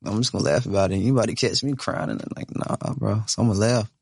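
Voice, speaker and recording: Fast-talking man co-hosting a podcast. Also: lowish voice, gravelly, a little mellow, husky, no echo. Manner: fast, slangy, jokey banter. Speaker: podcast co-host. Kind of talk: casual podcast chat.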